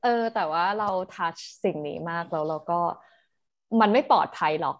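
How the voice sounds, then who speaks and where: A woman theatre artist on a panel, talking casually over a video call in an animated, slangy way. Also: on the low side, highs cut off. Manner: animated, slangy, fast storytelling.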